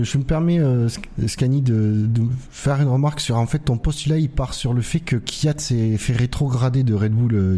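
A man's voice: medium pitch, warm tone. A man explaining his view in a casual panel discussion, feeling his way through sentences. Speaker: motorsport talk show panellist.

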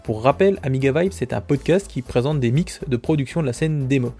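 A man's voice: mid-range voice, animated, fairly quick, warm tone, breathy edge, soft background music. A man hosting a podcast, running through a casual news roundup with chatty, self-mocking asides and frequent fillers. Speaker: podcast host.

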